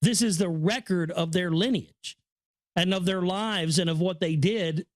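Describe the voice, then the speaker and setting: His voice high and his pace measured, a man serves as reader and commentator, offering rambling asides on the book he reads aloud. He stammers and repeats phrases with earnest awe. The studio sound is clean, with no room sound.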